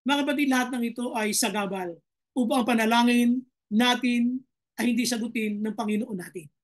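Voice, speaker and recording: High-voiced Filipino pastor preaching. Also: male voice, fairly even intonation. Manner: preaches in Taglish, reading Bible verses slowly, then pressing with rhetorical questions. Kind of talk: sermon.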